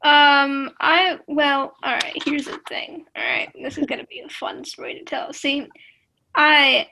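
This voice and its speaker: A teenage girl chatting casually with friends on a video call, animated and laughing, sometimes dropping to a whisper. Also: high-pitched, a little slow, vocal fry, slight background noise. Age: teens. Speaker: podcast co-host. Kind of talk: casual chat among friends.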